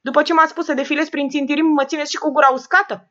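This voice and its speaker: A woman voicing a shrewd, sharp-tongued rich old woman who scolds and mocks the people around her. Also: sits high, steady tone, highs cut off, pitched above the performer's own voice. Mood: mocking. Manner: scolding, sarcastic, bossy.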